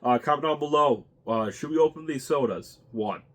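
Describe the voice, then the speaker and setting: A man's voice: medium pitch, moderate pace. Congested male vlog host, casual rambling delivery, thinking aloud as he goes. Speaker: channel host. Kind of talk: casual unboxing chat.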